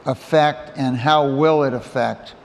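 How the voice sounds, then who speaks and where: A man moderating an interview on a conference stage, putting questions to his guest in a measured way and relaying questions from the audience. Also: medium pitch, steady tone, vocal fry. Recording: hall reverb with faint noise.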